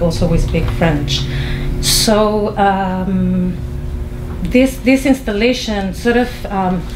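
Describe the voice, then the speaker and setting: A woman from Chile, a filmmaker, giving a halting introduction to her lecture performance with many fillers and restarts. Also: mid-range voice. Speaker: filmmaker and guest artist. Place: small film venue. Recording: echoey room with noise.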